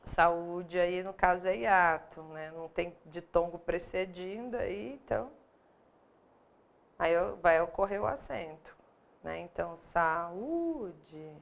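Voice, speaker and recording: Brazilian woman, grammar teacher, explains step by step and checks in often, slight gravel in the voice. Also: lowish voice, a little slow. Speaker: Portuguese teacher for exam prep. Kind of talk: live online grammar lesson.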